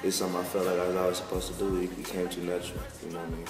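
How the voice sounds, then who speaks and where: A young Texan man in his twenties talks with a very low, flat voice, halting through his answers with restarts and slang. He sounds far from the mic in an echoey room with a long reverb tail. Soft music plays behind him. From Texas, USA. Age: 20s. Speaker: guest musician. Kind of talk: casual interview talk. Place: lounge with large windows, indoors.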